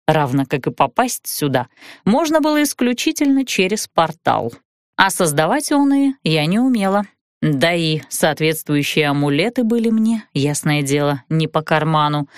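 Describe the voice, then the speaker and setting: A woman narrating an audiobook in the first person with an expressive, wry delivery. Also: on the low side, dry recording, studio quality.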